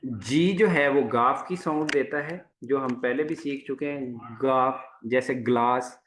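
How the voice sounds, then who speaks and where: A man's voice: medium pitch, slow, a bit bright, slight background noise. A man teaching a class, patiently repeating each sound several times. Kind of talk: lecture to a class.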